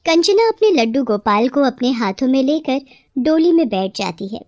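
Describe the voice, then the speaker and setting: High-voiced woman narrating a cartoon story. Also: sing-song, moderate pace, a little mellow, no echo, dull audio.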